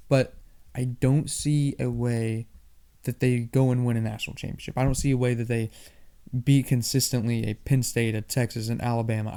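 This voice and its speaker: A young man hosting a sports podcast, talking fast and animated in a casual monologue, often repeating himself. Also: medium pitch. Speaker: podcast host.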